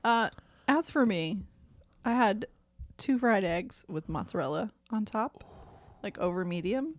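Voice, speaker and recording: A woman's voice: medium pitch, animated, measured pace, no echo. A woman co-hosting a parish podcast, chatting playfully with a laugh and then reading the gospel earnestly. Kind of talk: casual chat and gospel reading.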